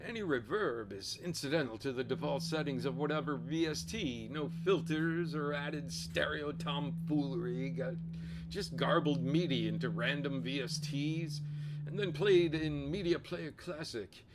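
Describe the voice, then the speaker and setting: A man's voice: a little high, a little slow, heavy background noise. A man giving an overly dramatic scripted reading in the manner of a hammy stage actor. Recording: music playing behind the voice. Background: loud music.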